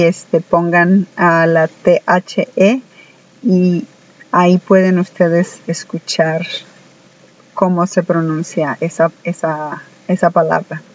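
A woman whose first language is Spanish teaches English at an unhurried pace, her pitch staying flat and even. She pauses often with soft "ah" sounds between examples. The recording has a slightly dull, lo-fi quality. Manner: slow, deliberate, many hesitant "ah" fillers. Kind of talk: recorded online language lesson.

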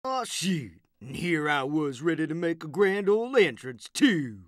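A man's voice: on the high side, sing-song, unhurried, no echo, clean studio sound. A man voicing a laid-back, swaggering male fighter in an ad-libbed dub outtake. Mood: cocky.

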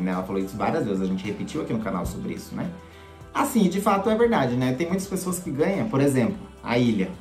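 A man's voice: mid-range voice, a little mellow. A man hosting a casual gossip commentary, chatty and sarcastic, often asking for agreement. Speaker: gossip channel host. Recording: echoey room with faint music.

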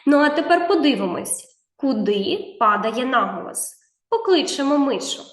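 A woman's voice: high voice, lively intonation, moderate pace, reverberant. A woman teaching a video reading lesson to young children, drawing out sounds and giving patient step-by-step instructions with encouragement. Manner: encouraging, talks straight to the child.

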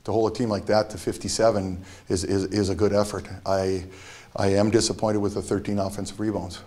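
A middle-aged man speaks as a basketball head coach after a game, his voice sitting a bit low. He talks in a measured, halting way, often restarting his sentences. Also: level tone, mellow. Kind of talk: postgame interview. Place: press backdrop room.

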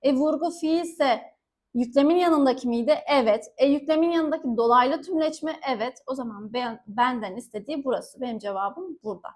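A woman teacher working through exam questions, asking herself short questions, answering them in quick call-and-response and pausing to warn students directly. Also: high-pitched. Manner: warns students directly, stressing key words. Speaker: Turkish teacher. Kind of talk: exam-prep lesson, solving questions.

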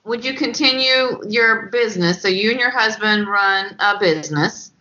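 Woman, podcast co-host, short follow-up questions, bright voice, lo-fi sound. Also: mid-range voice, normal speed. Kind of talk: casual podcast chat. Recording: dull lo-fi audio.

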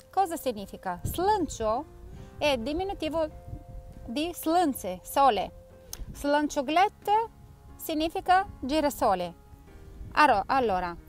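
Woman, Bulgarian accent, high voice, language teacher, casual outdoor vlog. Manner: slow, drilling words for learners to repeat. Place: outdoors on an old road, windy.

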